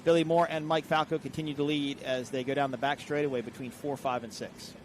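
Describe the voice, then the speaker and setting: A man's voice: on the high side, little pitch movement, brisk. An American man giving live, explanatory sports commentary on a race. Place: live at an outdoor boat race. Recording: clear outdoor vehicle and engine noise.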